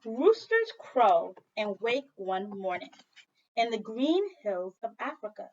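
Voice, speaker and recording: Reading a story aloud to young children, a second grade teacher uses a mid-range, sing-song voice at a slow pace. She speaks to them directly and expressively, asking questions and repeating things during this read-aloud lesson. The recording is muffled.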